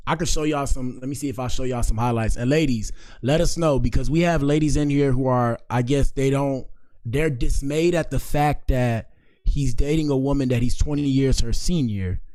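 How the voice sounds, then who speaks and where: Dude in his late 20s doing a chill livestream, shouting out the chat, dry close sound. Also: mid-range voice, moderate pace, dry recording. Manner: chatty, addresses chat with shout-outs. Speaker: livestream host. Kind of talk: casual livestream commentary.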